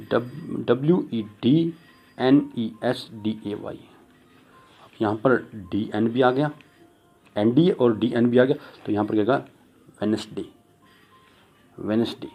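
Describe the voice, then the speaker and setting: A man's voice: mid-range voice, creaky, dark tone. A man teaching English pronunciation in a tutorial. He mixes Hindi and English, asks his own questions, answers them, and repeats key words. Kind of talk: classroom-style tutorial.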